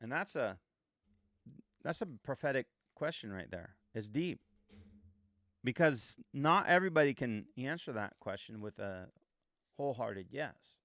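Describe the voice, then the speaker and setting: A man's voice: mid-range voice, lively intonation, a little slow, long pauses, a bit bright, no echo, studio quality. A man in his fifties hosting a reflective motivational monologue, earnest and emphatic, repeating points and asking rhetorical questions. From United States. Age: 50s. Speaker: podcast host.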